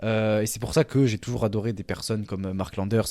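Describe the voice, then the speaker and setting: A man's voice: on the low side, fairly even intonation, fairly quick, dark tone, no echo. A man co-hosting a casual podcast, talking with frequent hesitations and fillers. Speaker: podcast co-host.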